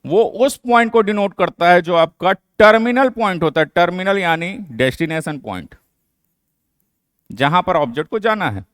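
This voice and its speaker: Guy teaching a physics class, clear voice, asks and answers himself, dry close sound. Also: high voice, expressive, moderate pace, fairly bright tone, dry recording. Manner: explains step by step, asks and answers his own questions; mixes English terms into Hindi. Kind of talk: classroom lecture.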